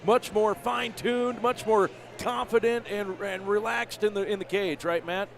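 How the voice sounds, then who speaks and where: Guy doing live mma play by play, pretty high voice, sports broadcast host. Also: fairly even intonation, moderate pace, creaky. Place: live fight event venue.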